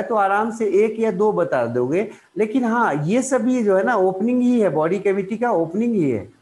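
An Indian man delivers an explanatory biology lecture in Hindi, his voice fairly high with a darkish tone. He repeatedly asks the class questions and answers them himself, filling his explanation with fillers and restarts.

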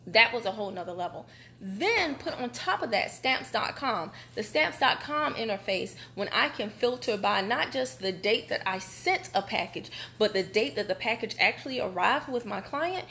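A woman's voice: a little high, expressive, moderate pace, creaky, bright, forceful tone, a little hiss or hum. Woman talking on a vibration machine, voice wobbling like into a fan. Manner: chatty, candid and emphatic. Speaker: small business owner. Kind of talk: casual live video talk. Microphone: phone camera.

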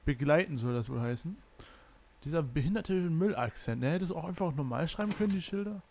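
A man's voice: a little high, lively intonation, a little fast, vocal fry, darkish tone, a little hiss or hum. A man giving casual gameplay commentary as a Let's Play host, muttering, cursing and stumbling as he reads in-game signs.

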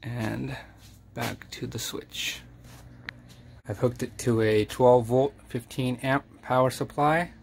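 A DIY channel host gives a casual voice-over walkthrough of a home project, explaining each step plainly and matter-of-factly with the occasional filler. His mid-range voice is slow and creaky with fairly even intonation, over a slight hiss or hum.

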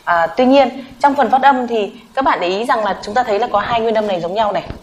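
A woman's voice: fairly high pitch, low-quality recording. Patient woman teaching Korean vowels. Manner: patient, repeats each sound slowly for learners; often asks the class questions and answers them herself. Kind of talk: vocabulary lesson explaining Korean vowels.

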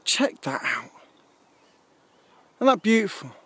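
A man's voice: sits high, big pitch swings, slow pace, fairly bright tone, dry recording. A man in his thirties chatting casually to a handheld camera outdoors by a lake. He is upbeat and rambling, with frequent ums. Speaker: outdoor vlogger. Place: outdoors by a lake at a wild camp. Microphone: handheld camera at arm's length.

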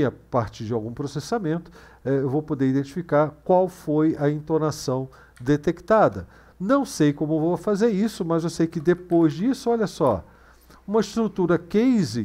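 A man's voice: fairly high pitch, darkish tone. A man teaching a screencast programming lesson, thinking aloud with many fillers and self-corrections. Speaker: course instructor.

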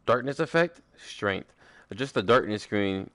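A young man streaming a game with friends, chatting casually, swearing a lot and breaking into excited shouts. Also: lowish voice, a little slow, dry recording. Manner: excitable, profane, bursts into shouts. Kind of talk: casual gaming commentary.

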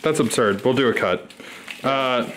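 A man's voice: medium pitch, a little slow, fairly bright tone, a little hiss or hum, poor audio. A man co-hosting a podcast, joking playfully in casual chat in a home kitchen. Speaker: podcast co-host.

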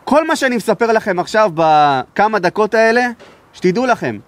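High-voiced emphatic Israeli rabbi. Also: male voice, animated. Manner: raises his voice to be heard, emphatic. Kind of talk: sermon with storytelling.

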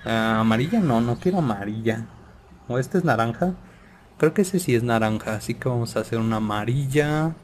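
A man hosting a gaming channel playfully narrates his Minecraft let's play, humming sound effects along the way. His mid-range voice is expressive and a little fast, and there's a little hiss or hum.

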